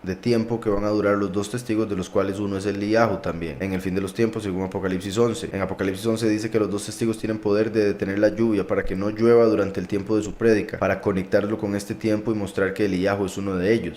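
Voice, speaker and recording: A man pastor answering viewer questions live, reading scripture aloud and explaining it in a measured, explanatory way. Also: on the low side, a little mellow, slight background noise. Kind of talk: live Bible teaching.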